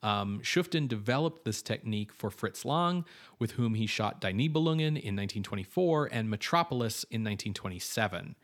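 A brisk man with a lowish voice and lively intonation co-hosts a film podcast. He reads background notes on the cast and crew informatively, dropping in casual fillers and asides.

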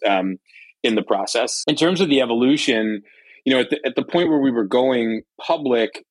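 A man with a fairly low voice explains business in a conversational, measured way as a panel guest. The sound is dry, with no room echo. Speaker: company executive, panel guest.

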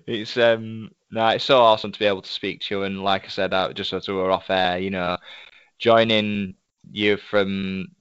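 A man's voice: lowish voice, fairly even intonation, a little slow, a bit bright, clean tone, no room sound, muffled recording. A man hosting a casual interview, speaking in a polite, wordy, effusive way. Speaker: podcast host, interviewer. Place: indoors at a desk.

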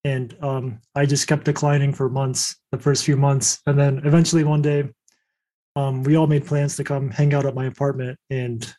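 A man's voice: mid-range voice, level tone, moderate pace, warm tone. A young adult man telling his story casually as a podcast guest. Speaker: podcast guest, poker coach.

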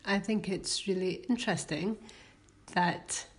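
A woman's voice: medium pitch, a little slow, husky. A woman raised in Scotland and England, presenting a personal audio essay and interviewing. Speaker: researcher and podcast storyteller.

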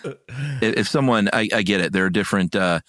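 A man's voice: lowish voice, fairly quick, a bit bright, no echo, clean studio sound. A man hosting a podcast, chatting casually and reading listener comments in an informal, laid-back way. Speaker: podcast host.

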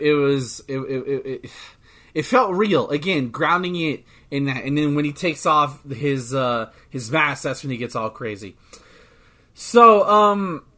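Excitable rambling man, bright voice. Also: mid-range voice. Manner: rambling, excitable, swears often. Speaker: podcast co-host. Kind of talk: casual chat.

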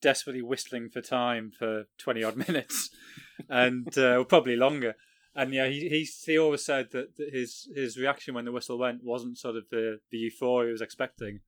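A man from Sunderland, co-host of a football podcast, telling anecdotes in a wry, lively way. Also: medium pitch, fairly quick, dry recording, clean studio sound. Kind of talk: casual podcast chat.

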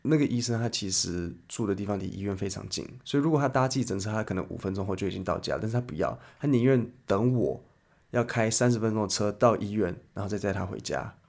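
A man, hosting a podcast English lesson in a chatty, lively way, telling a story and explaining words. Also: lowish voice, fast, creaky. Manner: lively, chatty explainer who switches into English example sentences. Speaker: English teacher and podcast host.

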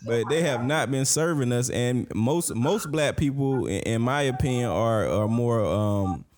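A man's voice: medium pitch, animated, a little slow, a little mellow. An American man talking politics casually in a laid-back, slangy manner.

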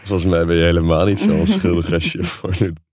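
A man's voice: low voice, fairly even intonation, fast, a little mellow, dry recording, clean studio sound. A man playing a teasing, doting lover in an intimate erotic audio drama. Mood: aroused.

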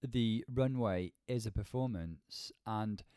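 A man with a lowish voice talks through a critique as a co-host, choosing his words in an articulate, measured way. The sound is close and dry. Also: warm tone, smooth, no room sound. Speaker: podcast co-host reviewing a TV show. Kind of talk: conversational critique.

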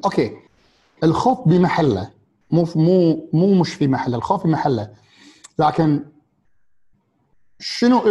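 Gulf Arabic man, reflective, slightly high voice. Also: darkish tone. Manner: asks many rhetorical questions, halting with fillers and restarts. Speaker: speaker on happiness and mindfulness. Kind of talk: reflective motivational talk to an audience.

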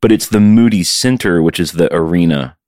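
Low voiced guy in his home studio, dry close sound, joking and swearing on a chatty podcast. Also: a little fast, a little mellow, dry recording. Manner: loose, joking and profane. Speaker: podcast co-host and touring musician. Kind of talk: casual podcast chat.

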